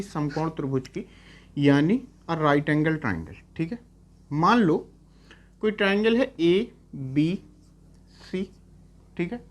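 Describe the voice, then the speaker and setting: A young man teaching math in a lecture, explaining step by step and often asking "clear?" to check. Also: high voice. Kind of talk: classroom lecture on trigonometry.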